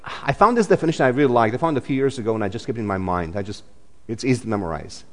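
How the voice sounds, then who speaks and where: Speaking very fast and expressively at a medium pitch, a Romanian man in his forties preaches in church with a long reverb tail behind him. His delivery is conversational, peppered with fillers and restarts.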